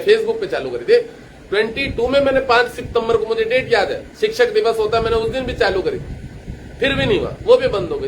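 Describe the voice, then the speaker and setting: A man with a high voice gives a casual astrology lecture. He brags and swears freely, and he tells his stories with lively scorn. A faint noise sits under his voice. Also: poor audio. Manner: boastful, crude and swearing, telling anecdotes. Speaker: astrologer and teacher. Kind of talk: casual lecture-style monologue.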